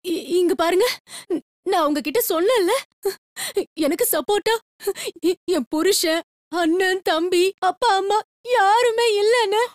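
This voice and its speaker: A sobbing, pleading daughter-in-law. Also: female voice, very high-pitched, normal speed, no room sound, studio quality. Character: tearful battered young daughter-in-law. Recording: TV serial with music behind.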